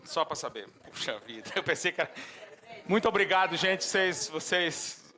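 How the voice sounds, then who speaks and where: A man with a Brazilian Portuguese accent preaching a sermon as pastor, breaking into animated outbursts and acted-out shouts. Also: on the high side, normal speed.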